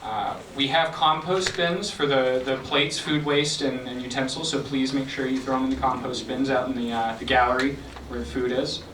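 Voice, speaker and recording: A man's voice: mid-range voice, steady tone, moderate pace, few pauses. Male event host, casual announcements, echoey room with faint background hum. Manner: friendly, many fillers. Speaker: event organizer. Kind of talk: event introduction. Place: lecture room. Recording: echoey room, mic from a distance.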